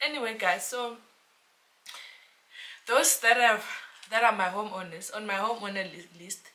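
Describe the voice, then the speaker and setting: A South African woman, a real estate agent, chatting to camera in a casual explainer vlog, animated and talking to her viewers like friends. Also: medium pitch, unhurried. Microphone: camera mic, self-filmed.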